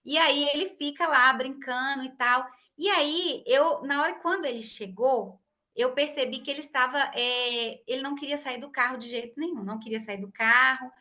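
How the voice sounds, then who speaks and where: Bright high-voiced woman telling a story. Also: normal speed. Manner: animated storyteller, acts out family dialogue. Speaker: host. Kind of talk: casual podcast conversation.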